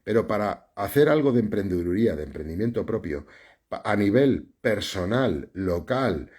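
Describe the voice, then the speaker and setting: Low, husky Spanish man. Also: expressive, moderate pace, a little mellow. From Spain. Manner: conversational, explanatory, many fillers and tag questions. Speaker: journalism teacher answering live questions. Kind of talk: casual live stream Q&A.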